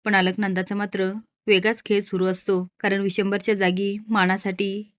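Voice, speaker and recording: A woman's voice: medium pitch, level tone, moderate pace, dry recording. Woman narrator recapping a soap episode, level mid voice, dry recording.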